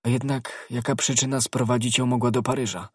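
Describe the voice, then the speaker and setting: A man voicing an anxious young musketeer who is a secretive lover, agitated and full of questions, in a husky voice. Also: medium pitch, level tone, a little fast, no room sound, clean studio sound, pitched above the performer's own voice, lightly acted.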